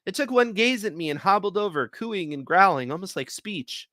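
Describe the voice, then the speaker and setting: A man hosting a live event, reading stories aloud in a lively, expressive way. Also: sits high, normal speed, dry recording. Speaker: host.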